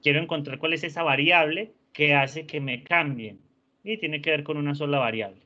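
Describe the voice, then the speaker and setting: A man teaching an online class, patient and encouraging, often softening words with diminutives. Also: fairly high pitch, normal speed. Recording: dull lo-fi sound.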